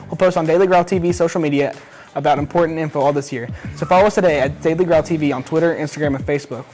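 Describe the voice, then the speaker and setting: A man's voice: on the high side, a little mellow. A teenage young man co-hosting student news, reading school announcements with casual, folksy asides. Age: teens. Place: small school video studio, seated at desk.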